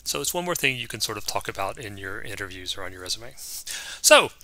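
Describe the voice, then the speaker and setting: A man giving a recorded course lecture in a relaxed, conversational way, with frequent ums and restarts. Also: fairly low pitch, fairly quick. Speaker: course instructor.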